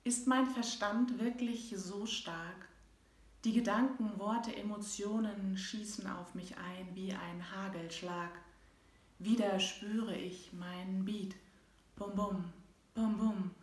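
A woman, an author and host, reads her own book aloud as a rhythmic rhyming recital that moves between soft and loud passages. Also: mid-range voice. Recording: echoey room.

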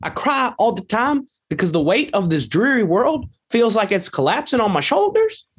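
A man playing an ignorant, blustering small-town male football coach in a comedy sketch, gruff with sudden high-pitched outbursts. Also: very animated, normal speed, fairly bright tone, full character voice.

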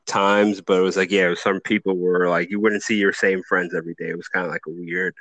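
A man's voice: low voice, level tone, fairly quick, a bit bright, no room sound. A man hosting a podcast over a call, chatting loosely with lots of swearing. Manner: loose, profane storytelling. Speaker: podcast host. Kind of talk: casual chat.

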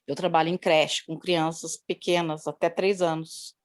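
A woman's voice: deep voice, little pitch movement, normal speed. A woman who works at a daycare tells a long personal story. She rambles and repeats herself, speaking into her phone on a video call. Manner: rambling and repetitive, many "né?" tags. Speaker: daycare worker sharing an experience.

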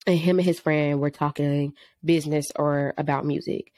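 Woman podcast co-host, deep register, dry studio sound, reads letters and gives direct advice. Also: fairly even intonation, normal speed, a little mellow, no room sound. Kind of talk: casual chat.

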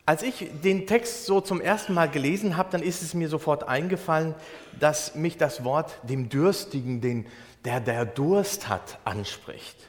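A German pastor preaching in a conversational way, explaining a Bible verse with everyday examples. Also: male voice, a little high, a little slow. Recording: long hall reverb.

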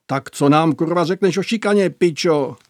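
A man's voice: a little high, no room sound, clean studio sound, pitched above the performer's own voice, natural voice. A man voicing a foul-mouthed young senior conscript who bullies recruits and barks orders. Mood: mocking. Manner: swearing, shouting orders.

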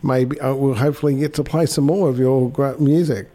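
A man hosting a casual radio interview, with hesitant, halting phrasing. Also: medium pitch, steady tone, slight background noise. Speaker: radio host.

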